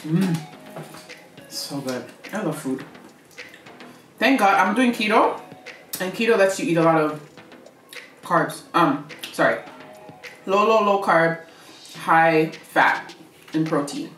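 Woman vlogger, mukbang chat, lively sing-song pitch, roomy sound from a mic set back, music underneath. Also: takes it slowly, long pauses, recorded from a distance. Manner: chatty and teasing, talks while eating. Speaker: vlogger co-host.

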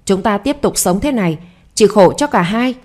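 A woman's voice: medium pitch, animated, normal speed, darkish tone, close to an everyday voice. A woman voicing an unfaithful husband in an audio story, speaking in a blunt, matter-of-fact way. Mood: cold. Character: cold unfaithful husband and father.

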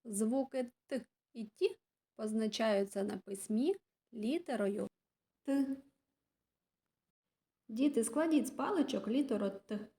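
A woman teaching children, reciting rhymes in a slow sing-song manner. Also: fairly high pitch, warm tone, breathy edge. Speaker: kindergarten teacher. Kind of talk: classroom lesson with rhymes.

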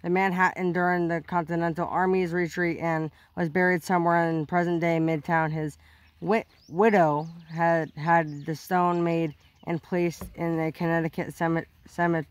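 A man's voice: fairly high pitch, flat delivery, moderate pace, no echo. A man vlogging on a rural hiking trail, casually narrating and reading historical plaques aloud, stumbling and correcting himself as he goes. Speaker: vlogger exploring a historic site.

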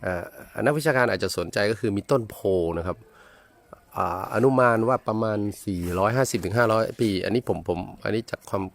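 Man from Thailand, low voice, travel vlogger, polite, rambling, hesitant, outdoors. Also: vocal fry, slight background noise. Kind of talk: casual travel vlog narration. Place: outdoors in a village.

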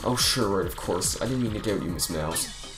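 A man's voice: sits low, animated, normal speed, over music, pitched below the performer's own voice. A man voicing the hero's companion in a video game, speaking in an earnest, slightly nervous way. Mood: earnest, wary.

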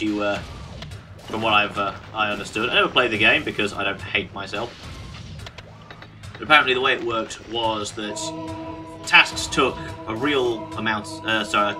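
A man's voice: medium pitch, pushed and bright. A man with a British accent giving casual, sardonic, mock-grumpy gameplay commentary as a video host.

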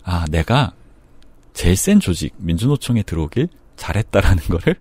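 A man's voice: low-pitched, sing-song, normal speed, darkish tone, husky, dry recording. A man, a tattoo artist and union leader, telling a story in conversation and acting out phone calls.

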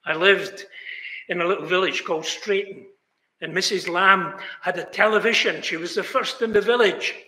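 This older British preacher's high voice sounds pushed and bright, moving at a moderate pace. Earnest throughout, he rises now and then to exclamations. The setting is an echoey indoor chapel hall, shot with a fixed camera in a seated mid shot.

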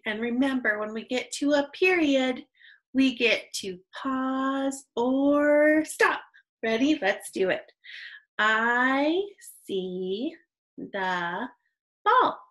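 A woman's voice: mid-range voice, fairly bright tone, rough recording. A young adult woman teaching an online reading lesson to young children, patient and encouraging, on a computer microphone.

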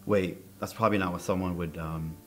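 A man's voice: sits low, steady tone, brisk, soft background music, lightly acted. A middle-aged man acting as a nervous, awkward witness under police questioning, hesitant, evasive and rambling. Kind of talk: naturalistic screen acting, interrogation scene.

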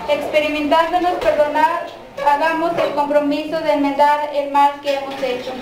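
A Mexican woman leading the prayers and readings at a mass, reciting in a measured, even way in a church. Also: high voice. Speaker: prayer leader at a quinceañera mass. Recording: echoey church from far off, faint noise.

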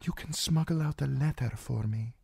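A man's voice: mid-range voice, normal speed, gravelly, a little mellow, breathy edge, no echo, pitched above the performer's own voice. Guy reading as a scheming young princess, coaxing and confiding, dead dry audio. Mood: urging.

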